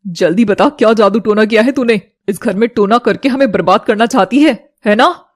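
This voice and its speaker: A cruel stepmother sneers and cackles over the girl she torments, as a woman puts her on. The voice sits high and bright, harsh and taunting, made for a dramatized story video. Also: normal speed, lightly acted. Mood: gloating. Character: cruel, gloating adult stepmother.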